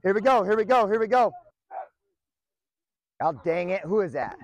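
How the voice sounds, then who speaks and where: A man coaching football at an outdoor practice, commanding and encouraging, often shouting, recorded on a wireless body mic. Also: sits high, animated, moderate pace, dry recording.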